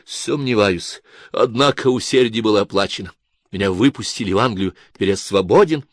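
A man's voice: fairly low pitch, brisk, no room sound, clean studio sound, lightly acted. A man voicing an agitated male artist confessing and justifying himself in a radio interview. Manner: agitated, self-justifying, emphatic.

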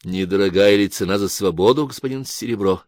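A man's voice: on the low side, no room sound, clean studio sound, lightly acted. A man reading a cool clinical radio interviewer. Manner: calm, measured, soft, like a psychiatrist.

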